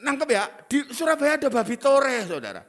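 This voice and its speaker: A middle-aged man, preaching a sermon as pastor in a lively, teasing manner with asides. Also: extremely high pitch, fairly quick.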